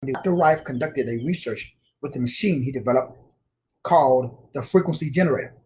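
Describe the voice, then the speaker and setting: A man's voice: medium pitch, brisk, a little mellow. A man giving an informal spiritual lecture, slangy and emphatic, repeating words for stress. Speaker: spiritual teacher.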